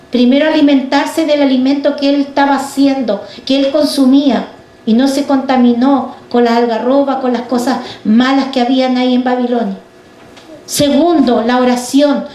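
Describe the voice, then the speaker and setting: High-voiced woman preaching in an echoey hall. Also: dark tone. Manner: fervent, addresses the congregation directly with rhetorical questions. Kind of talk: sermon. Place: church.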